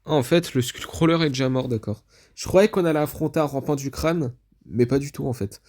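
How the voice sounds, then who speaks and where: A gaming video creator gives casual let's-play commentary, thinking aloud as he reads through menus and often admitting he isn't sure what things mean. His mid-range voice is brisk with a darkish tone.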